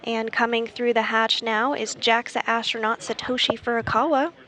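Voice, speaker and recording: Higher-pitched woman giving live commentary. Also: steady tone, normal speed, sharp tone.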